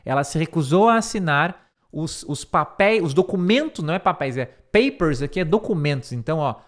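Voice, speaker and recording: A middle-aged man gives an English lesson, working through a speech one line at a time. He repeats words slowly to model pronunciation and corrects himself as he thinks aloud, in a slightly high, sing-song voice.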